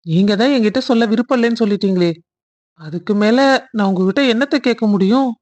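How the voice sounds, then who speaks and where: A woman voicing a kind young man in a cartoon love story who speaks earnestly and reassures gently. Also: mid-range voice, quick pace, lightly acted.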